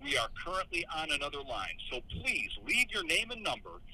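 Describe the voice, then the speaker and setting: A man's voice: on the high side, huge pitch swings, brisk, bright, forceful tone, rough recording. A man giving a polished, scripted greeting as an answering machine message played over a phone speaker. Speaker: agency greeting voice.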